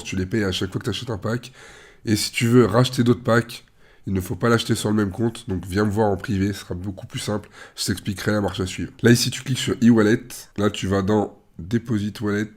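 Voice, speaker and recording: A man with a rough, worn-out voice gives an informal step-by-step screen walkthrough, talking the viewer through each click. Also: on the low side, steady tone, fast talker. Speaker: tutorial presenter.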